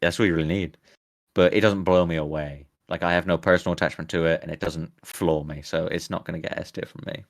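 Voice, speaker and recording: A man with a low voice hosting a live stream, rambling casually and laughing easily. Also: steady tone, fast. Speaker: streamer host. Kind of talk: casual chat.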